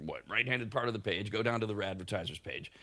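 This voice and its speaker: A man hosting a morning radio show, telling stories in casual banter with an animated style and many restarts. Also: on the low side, fast. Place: radio studio.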